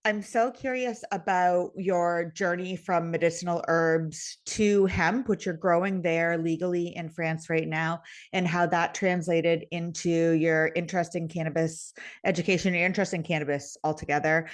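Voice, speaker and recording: A woman's voice: fairly low pitch, fairly even intonation, normal speed. A woman hosting a channel interview as a program director, upbeat and enthusiastic as she introduces and questions her guest.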